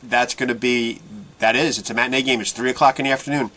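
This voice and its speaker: A man hosting a casual sports fan podcast, asking his co-host questions and often trailing off quietly. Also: medium pitch, fairly even intonation, fast talker, over a noisy crowd. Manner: asks his co-host questions, many restarts.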